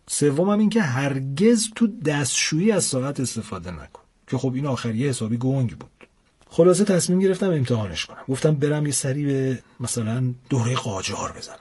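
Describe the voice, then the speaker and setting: A young man narrating a comic first-person adventure in a casual, lively storytelling manner. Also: mid-range voice, breathy edge. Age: young adult.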